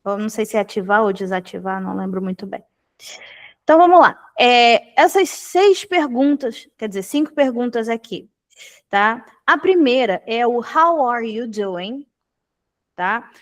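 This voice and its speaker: A young adult woman from Brazil teaching an online English class over a video call, explaining patiently and checking in often with the students. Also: fairly high pitch. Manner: explanatory, frequent "tá?" checks, repeats phrases slowly.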